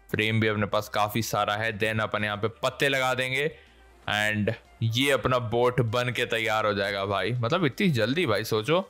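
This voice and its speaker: A man hosting a gaming channel, giving excitable, playful commentary full of exclamations. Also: mid-range voice, clean tone.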